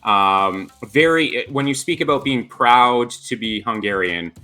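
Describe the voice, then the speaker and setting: Male podcast host, bright forceful tone, upbeat, rambling questions; faint music under. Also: mid-range voice, measured pace. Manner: upbeat, rambling with repeated restarts. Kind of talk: casual interview hosting.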